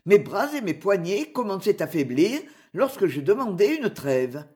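Audiobook narrator, expressive, classic adventure narration, animated delivery. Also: mid-range voice, moderate pace. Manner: expressive storytelling.

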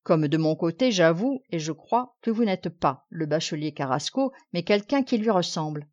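A woman's voice: fairly low pitch, animated, normal speed, a little mellow. A woman reading the lines of a grandiose, solemn old knight, declaiming and commanding, on a dull lo-fi recording.

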